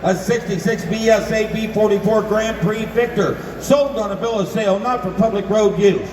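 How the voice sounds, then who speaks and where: A man's voice: sits high, normal speed. A man making formulaic live announcements of auction lots. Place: large auction hall over PA system. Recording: echoey hall from far off, crowd noise.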